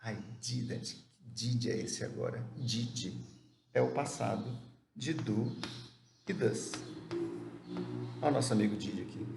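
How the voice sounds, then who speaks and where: A male teacher walks through a grammar lesson, raising questions and answering them himself. His voice has a gravelly edge, and the room gives it a noticeable echo. A faint noise hums underneath. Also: medium pitch. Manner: explains step by step, asks and answers his own questions; reads English examples slowly and carefully. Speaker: English teacher.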